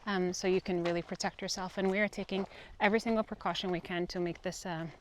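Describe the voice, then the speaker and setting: A woman co-founder chatting on an outdoor walking tour. She is out of breath, animated and laughs often. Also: lowish voice, fast, slight background noise. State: out of breath from hiking. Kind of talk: casual chat on a walking tour. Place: outdoors on hilly open land.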